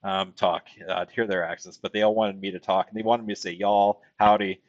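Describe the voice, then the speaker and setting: A man's voice: deep voice, fairly even intonation, fast, muffled recording. A man from Texas hosting a casual livestream, rambling with many fillers as he reads viewer comments aloud. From Texas, USA. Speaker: livestream host.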